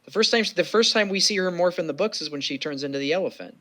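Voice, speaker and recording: A man's voice: high voice, fast, bright, forceful tone. An American man co-hosting a casual watch-along chat, bantering in a dry, playful way. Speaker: co-host.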